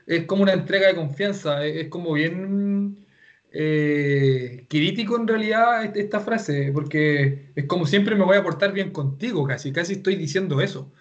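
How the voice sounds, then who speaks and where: A Chilean-accented man teaches an online class, explaining at length and often restarting his sentences. His voice sits a little high. The audio is dull and lo-fi. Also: normal speed. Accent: Chilean Spanish. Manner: explanatory, rambling, with many restarts and fillers.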